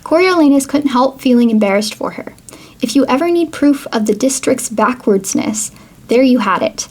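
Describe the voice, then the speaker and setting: A woman's voice: high-pitched, animated, normal speed, a little mellow. A woman hosting a casual geography explainer, chatty and full of "like" and "um", who reads book passages aloud. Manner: chatty, frequent "like" and "um". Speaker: geography video host.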